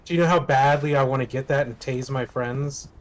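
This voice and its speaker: A man's voice: medium pitch, fairly quick, slight background noise. A man bantering casually while playing a game on a stream, joking and exclaiming. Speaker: co-player in a livestreamed game.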